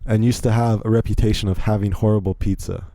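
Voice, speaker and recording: Fairly low in pitch and warm in tone, this young Virginian talks quickly with fairly even intonation. He hosts a solo podcast, wandering through stories with many asides, and the recording is dry.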